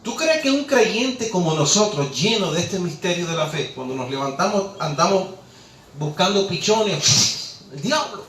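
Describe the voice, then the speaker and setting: A man's voice: sits high, a bit bright, slight background noise. A man preaching a sermon, impassioned, rhetorical and scolding. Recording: echoey room, distant mic, faint ambience.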